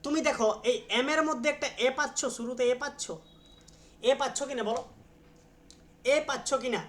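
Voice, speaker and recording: A man's voice: very high voice, steady tone, moderate pace, a bit bright. A man teaching an English grammar class online, explaining step by step and repeatedly prompting students to pronounce and answer. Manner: patient, repeats each sound many times.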